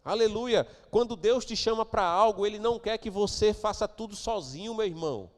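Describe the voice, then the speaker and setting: A man preaching a sermon as pastor of a church, moving between quiet asides and loud, emphatic declarations. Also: high voice, fairly quick, in a large hall. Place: church sanctuary.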